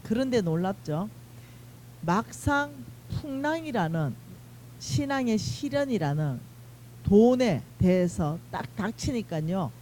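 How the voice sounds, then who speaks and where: A woman preaches an emotional testimony at a church revival meeting, her voice dark and mellow. She swings dramatically between hushed and loud. There is a faint hum on the mic. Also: medium pitch. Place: church sanctuary.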